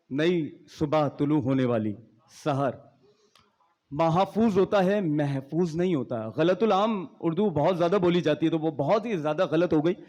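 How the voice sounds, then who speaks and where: A high-voiced man speaks from a stage, mixing playful, teasing asides with declaimed verse. His delivery swells as he recites poetry. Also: darkish tone. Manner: declaiming, rising intensity in verse. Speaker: guest speaker at a school speech competition.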